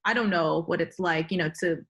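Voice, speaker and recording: A woman's voice: on the low side, brisk, a bit bright. Gushing young woman podcast host. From California. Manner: enthusiastic, gushing, filler-heavy. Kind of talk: casual interview chat.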